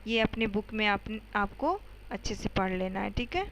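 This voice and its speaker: A woman's voice: mid-range voice, animated, normal speed, fairly bright tone, a little hiss or hum, poor audio. A woman teacher explaining grammar to schoolchildren step by step, often checking in with "okay" and asking the students questions. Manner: addresses students directly with questions.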